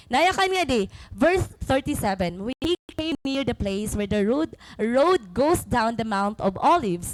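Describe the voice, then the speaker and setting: A young Waray Filipino woman preaching with a high, bright voice, close and dry with no room around it. She teaches animatedly, swapping between Waray and English and repeating key words to drive them home. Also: dry recording, low-quality recording. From Samar, Philippines. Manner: animated, mixing Waray and English mid-sentence. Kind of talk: sermon.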